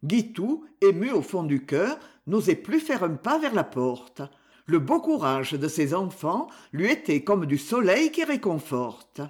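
A man reading a classic novel aloud in an expressive, measured narration. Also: high voice. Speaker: audiobook reader. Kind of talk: scripted literary narration.

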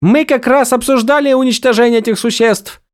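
Мужчина изображает пронзительную юную принцессу Вивенну. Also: male voice, very animated, normal speed. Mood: indignant. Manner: shrill, commanding outbursts. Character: young princess, proud and easily alarmed.

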